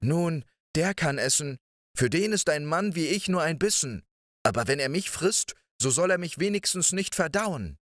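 A man voicing a small, clever boy in a storybook reading, speaking high and quickly as he reasons his way out of danger. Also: lively intonation, fairly bright tone, no room sound, studio quality. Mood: wry.

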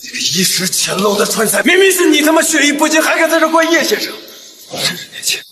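An actor playing a spoiled, hot-tempered young rich heir who shouts and swears. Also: male voice, extremely high pitch, sing-song, quick pace, noisy background. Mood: furious. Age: young adult. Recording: echoey hall with murmuring crowd.

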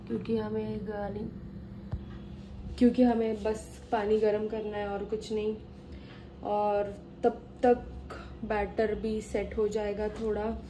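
A young woman talks her way through cooking in a home kitchen, with a faint hum of noise behind her. Her voice is mellow and her pitch stays flat. She rambles and keeps correcting herself mid-sentence. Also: poor audio. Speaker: cooking vlogger. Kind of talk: casual cooking vlog chat.

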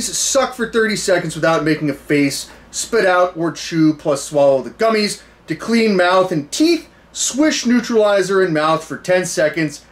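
An American man in his thirties hosting a food challenge to camera, talking casually and haltingly with mock-serious bravado. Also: high-pitched. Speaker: food challenge video host. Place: small indoor room full of memorabilia.

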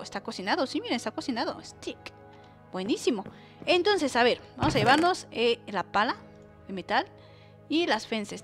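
Woman gaming host, higher pitch, excitable let's-play chatter with yelps, soft music bed. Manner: excitable, bursts into shrieks and squeals; chatty, talks to viewers as she plays. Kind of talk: let's-play gameplay commentary.

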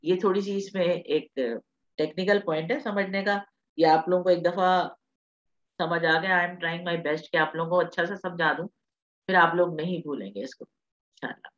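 Woman teacher for an online class, patient and reassuring, lowish voice, dull lo-fi call audio. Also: fairly even intonation. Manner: patient, reassuring, mixes English terms.

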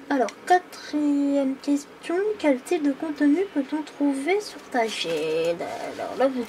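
A woman's voice: high voice, mellow, a little hiss or hum. A woman in her twenties from the Île-de-France region, chatting casually and hesitantly while coloring on camera at a table, with many fillers. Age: 20s. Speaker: coloring YouTuber. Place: indoors at a table.

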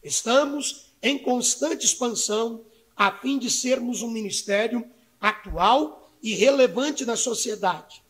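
High-voiced man giving a slow formal speech. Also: a bit bright. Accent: Brazilian Portuguese, Minas Gerais. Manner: measured, solemn, reading from notes. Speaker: church pastor giving a speech. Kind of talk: formal prepared speech read at a podium. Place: city council chamber, indoors. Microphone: podium microphone.

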